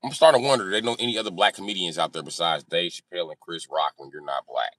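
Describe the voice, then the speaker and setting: A fast-talking man with a low-pitched, slightly bright voice hosts a livestream, reading out comments and responding. His chat is casual and profane, brash, jokey and full of slang and swearing. The recording is dry.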